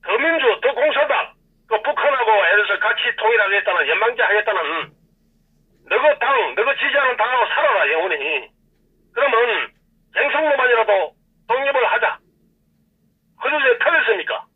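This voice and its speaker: A man's voice: very high voice, slightly rough. A male caller with a Gyeongsang dialect, ranting heatedly and repeating himself on a call-in show. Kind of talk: call-in rant. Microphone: telephone. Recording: tinny phone line, distant.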